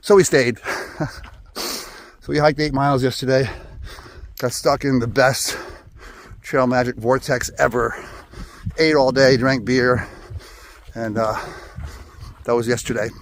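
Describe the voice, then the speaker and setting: A man's voice: mid-range voice, fairly even intonation, measured pace, pauses often, slight background noise. A man on a thru-hike, out of breath as he climbs a trail and talks to his camera in a casual vlog. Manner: climbing uphill while talking. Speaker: thru-hiker vlogger. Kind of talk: casual vlog narration while hiking. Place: outdoors on a mountain trail.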